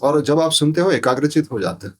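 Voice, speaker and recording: Fairly quick and animated, this slightly high male voice belongs to a sound therapy teacher being interviewed on a podcast. He explains spiritual ideas didactically, repeating phrases and raising rhetorical questions. Slight background noise can be heard.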